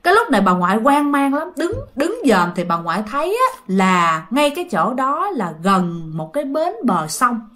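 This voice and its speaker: A woman with a Southern Vietnamese accent tells a ghost story in a chatty way, turning to her listeners often. Her voice is high and bright, with lively swings of pitch. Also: moderate pace. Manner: chatty, addresses listeners directly.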